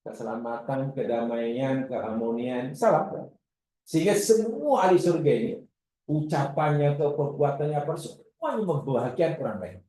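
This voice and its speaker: A man giving a religious class lecture, animated and acting out his examples. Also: medium pitch, moderate pace. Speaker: religious teacher. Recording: echoey room.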